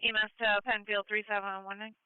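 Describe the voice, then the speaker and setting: A woman's voice: mid-range voice, little pitch movement, fast talker, clean tone. A woman working as an emergency dispatcher, passing information to units over the radio. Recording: narrowband radio channel.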